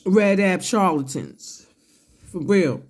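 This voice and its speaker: Someone delivers a profane, confrontational online rant, stretching out each word for emphasis one at a time while sipping a drink between phrases, coughing and clearing their throat. The voice is mid-range and a little mellow, slow-paced with lively intonation.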